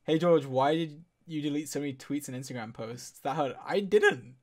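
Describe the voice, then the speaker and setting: Chatty streamer man, slightly high voice. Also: moderate pace. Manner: upbeat, thanks donors warmly, laughs often. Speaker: streamer reading donations. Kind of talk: casual game stream chat.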